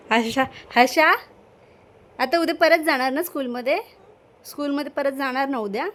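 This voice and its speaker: A woman's voice: sits high, normal speed, a bit bright. A woman vlogger casually talking to her small daughter, coaxing her with sing-song questions. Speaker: vlogger and mother. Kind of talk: casual talk to a toddler.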